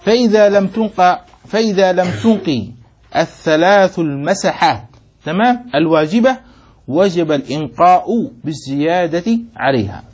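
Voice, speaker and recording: Man, sheikh teaching a lesson, reads then explains, constant quick check-ins with students, high voice. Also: expressive, darkish tone, slightly rough. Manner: keeps checking students follow with quick questions; mixes formal speech with colloquial asides. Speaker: sheikh teaching Islamic jurisprudence. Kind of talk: classroom text commentary lesson.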